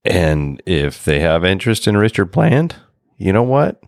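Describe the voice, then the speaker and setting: A man co-hosting a golf podcast, chatting in a relaxed, storytelling way. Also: deep voice, a little slow, no echo, clean studio sound. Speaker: podcast co-host. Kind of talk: casual golf podcast chat.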